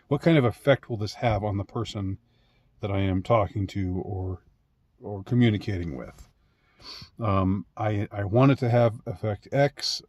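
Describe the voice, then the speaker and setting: In a dry recording, a male commentator with a fairly low, darkish voice rambles through a relaxed monologue. His speech is hesitant and full of fillers and restarts, broken up by frequent chuckles.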